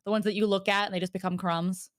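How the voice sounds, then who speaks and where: A woman's voice: mid-range voice, flat delivery, fast, no echo, clean studio sound. A young woman guest chatting casually on a stream, giggly and playfully teasing like a mock villain. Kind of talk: casual chat.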